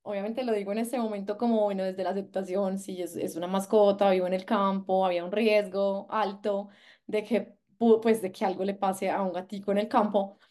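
A woman hosting a conversational interview, telling stories in an emotional, expressive way. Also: mid-range voice, brisk. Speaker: host.

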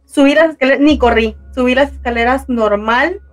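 A woman's voice: high voice, fairly quick. A woman telling a personal story in casual chat, rambling and full of fillers. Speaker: guest telling a paranormal story.

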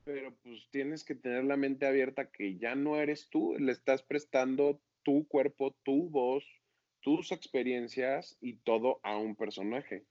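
Animated man, dry dull sound. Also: mid-range voice, unhurried, no room sound. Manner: animated, acts out his own self-critical inner voice. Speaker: actor being interviewed. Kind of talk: casual interview talk.

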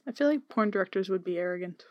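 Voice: mid-range voice, animated, quick pace, no echo, highs cut off. A podcast co-host reacting with short, skeptical comments and questions in casual chat.

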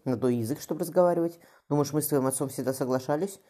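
A woman voicing a sharp-tongued but caring noble mother in her thirties who speaks wryly and teases dryly. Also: low voice, quick pace, voice pushed up. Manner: wry, dryly teasing.

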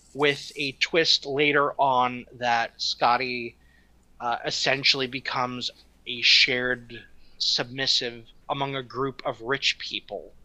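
A woman's voice: extremely low pitch, sharp tone, poor audio. A woman in her thirties, a podcast co-host and writer, telling stories in a loose, profane, filler-heavy way. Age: 30s. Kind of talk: casual podcast chat.

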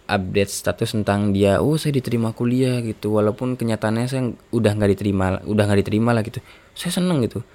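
A man's voice: on the low side, vocal fry, darkish tone. A nineteen-year-old man talking in a rambling, casual monologue, with many fillers. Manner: rambling, many fillers like gitu, sighs ya Allah.

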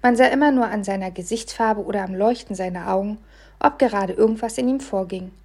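Woman audiobook reader, mellow warm tone, expressive first-person narration. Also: mid-range voice, brisk, breathy edge. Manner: expressive, shifts between hushed and loud for the scene.

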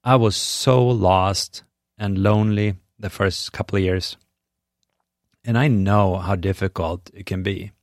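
Recorded dry and close, without any room sound, a middle-aged host from Sweden delivers a scripted podcast monologue in a low, deep voice and a Swedish accent. He keeps a steady tone, earnest and measured, with an encouraging feel.

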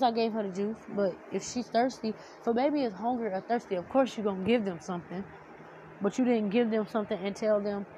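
Ranting heatedly to camera, a young woman vlogger tells a storytime with heavy, blunt swearing. Her medium-pitched voice is warm but slightly nasal and teary, like she might cry. The audio is poor, with noticeable background noise.

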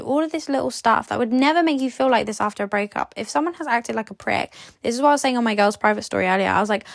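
Blunt chatty woman, gravelly voice. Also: a little high, no echo, clean studio sound. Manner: blunt, chatty, swears, many "like" fillers. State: sleepy, yawning. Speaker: podcast host. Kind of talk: casual advice monologue.

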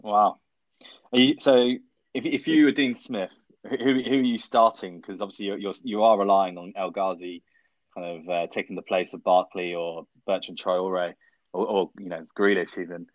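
A man's voice: low-pitched, steady tone, moderate pace, dry recording. A man hosting a football podcast in casual chat, on slightly dull, lo-fi audio.

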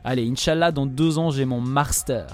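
A man's voice: medium pitch, moderate pace, soft background music. A man reading a scripted student radio column with wry jokes. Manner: wry, jokey delivery.

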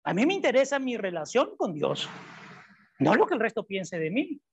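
A woman's voice: a little high, very animated, moderate pace, creaky, slightly rough. A woman preaching a sermon, repeating her key points and asking the congregation questions. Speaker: preacher and psychologist. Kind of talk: sermon with Bible reading. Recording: dull lo-fi recording.

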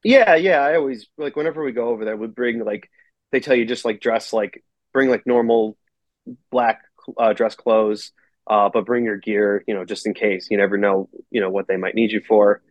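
A man's voice: lowish voice, fairly even intonation, moderate pace, no echo. A man who is a pro wrestler and company owner, a guest on a casual podcast, talking in a rambling, profane way and using "like" constantly. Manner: rambling and profane, heavy on filler "like". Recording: dry, slightly muffled recording.

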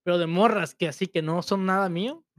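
A man's voice: sits high, fairly quick, no echo, clean studio sound. A young man with a Mexican accent, co-hosting a podcast in casual, crude, slangy chat and laughing often. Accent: Mexican Spanish. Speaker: podcast co-host.

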